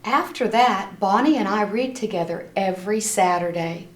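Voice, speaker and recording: A woman with a mid-range voice reads a children's storybook aloud at a moderate pace, telling the simple story expressively and adding little asides to her listeners. The room is echoey and there's noise in the background.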